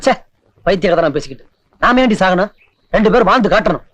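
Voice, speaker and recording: A man's voice: high voice, lively intonation, fast, very noisy. An actor playing a young village man reassuring the woman he loves, in a 1980s film. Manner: reassuring, teasing. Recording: distant dull film sound with music.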